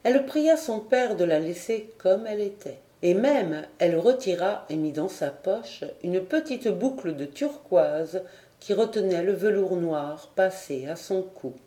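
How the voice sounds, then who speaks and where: A woman reading a classic storybook aloud in a calm, measured narration. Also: lowish voice. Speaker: audiobook reader. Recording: roomy echo.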